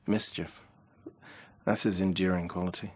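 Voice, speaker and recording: A man reflecting thoughtfully in an interview, measured, with small stumbles. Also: deep voice, flat delivery, breathy edge. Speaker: commentator.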